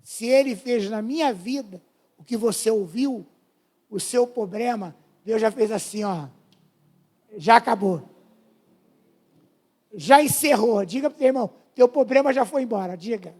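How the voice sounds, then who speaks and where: A man's voice: sits high, measured pace, pauses often, darkish tone. A man in his fifties with a Brazilian Portuguese accent, preaching a fervent testimony to a congregation. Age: 50s. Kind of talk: sermon testimony.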